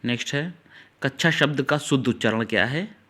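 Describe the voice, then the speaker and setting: A male teacher taking students through an exam-prep grammar lesson, explaining each answer step by step and slowly repeating key words. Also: mid-range voice, sharp tone. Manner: talks directly to students, urging them to note things down.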